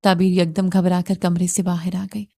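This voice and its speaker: A woman narrating a romance novel with a steady, expressive reading. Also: on the low side, creaky.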